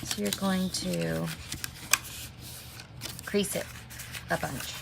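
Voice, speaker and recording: Speaking extremely slowly, a middle-aged stamping craft demonstrator leads a live tutorial, chatting with viewers by name as she goes through each step. Her low voice is heavily gravelly and a bit congested from a minor cold that has her sniffling. A camera mic at her desk picks up a constant, noticeable background noise.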